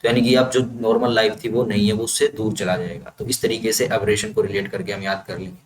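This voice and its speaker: A fairly quick, fairly low, level-toned man teaches vocabulary with mnemonics. He breaks it down step by step, checking comprehension as he goes, while the echoey room adds faint ambient noise.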